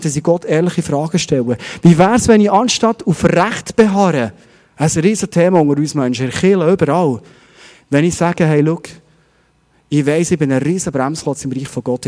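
In a large hall, a middle-aged pastor with a Swiss German accent preaches a sermon, firing off one rhetorical question after another. His voice is fairly high-pitched with a darkish tone.

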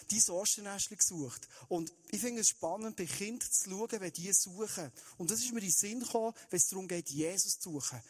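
A man's voice: sits high, darkish tone. A man, preaching an Easter sermon in an earnest way and speaking straight to his listeners. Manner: earnest, direct address to listeners, shifting pace.

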